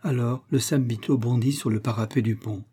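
Husky-voiced man reading a tale. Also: mid-range voice, fairly even intonation, mellow. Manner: measured, literary narration. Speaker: narrator. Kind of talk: storybook reading.

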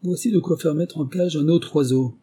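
A man reading aloud, voicing a sly, confident male English detective in a lively, ironic manner. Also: normal speed, husky. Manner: higher, lively, ironic delivery.

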